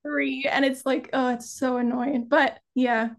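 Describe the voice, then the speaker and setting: A young woman guesting on a podcast, her voice quite high. She tells animated stories in easy casual chat and laughs between them. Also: a little slow.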